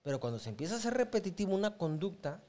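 A man's voice: high voice, sing-song, racing, mellow. A man with a Mexican accent in casual chat, explaining how he disciplines his son. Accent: Mexican Spanish. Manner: lecturing tone about consequences. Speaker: father.

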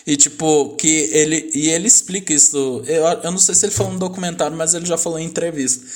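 A man's voice: on the high side, steady tone, fast talker, a little mellow. A man co-hosting a casual album-review chat, rambling and enthusiastic with lots of slang fillers. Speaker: podcast co-host reviewing an album.

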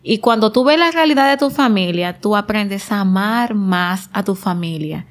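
A woman's voice: medium pitch, lively intonation, moderate pace. A woman guest on a podcast interview, talking earnestly and reflectively, driving points home with repeated short phrases.

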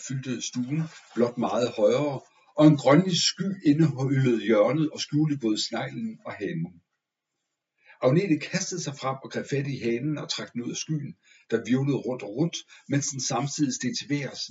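A man reading a first-person story aloud in a measured, expressive way. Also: medium pitch, dull audio. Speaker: audiobook narrator. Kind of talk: scripted story narration.

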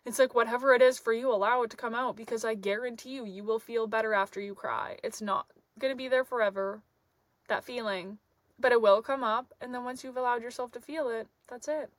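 A woman's voice: a little high, steady tone, brisk, no room sound. A young woman vlogger talking candidly and reflectively about her feelings, laughing often as she speaks. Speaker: van life vlogger. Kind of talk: candid personal talk to camera.

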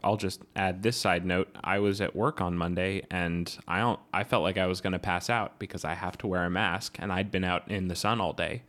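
A man co-hosting a casual podcast, speaking in a measured, wry and thoughtful way. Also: low voice, fairly even intonation, a bit bright. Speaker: podcast co-host.

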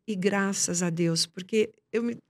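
A woman, a journalist and TV presenter, telling lively anecdotes nonstop in a casual podcast interview. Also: medium pitch. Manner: talks fast and nonstop, animated anecdotes.

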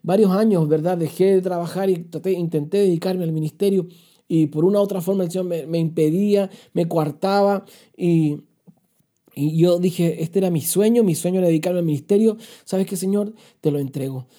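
Brief: male podcast preacher, very dark mellow tone, earnest and confessional. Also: high-pitched, steady tone, brisk. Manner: earnest, confessional, rhetorical questions. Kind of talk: podcast sermon with listener questions.

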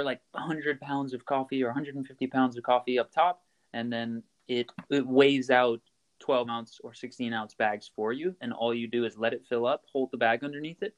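Male interview guest, mid-range voice, relaxed explainer who restarts his sentences. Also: medium pitch. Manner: explains steps plainly, frequent fillers and restarts. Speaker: coffee roaster, guest. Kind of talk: casual interview chat.

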